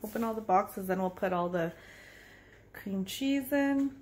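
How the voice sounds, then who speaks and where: A woman's voice: mid-range voice, a little slow, darkish tone. A woman filming and narrating a home cooking video in a kitchen, giving encouraging step-by-step guidance and praise. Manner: encouraging, repeats praise between steps.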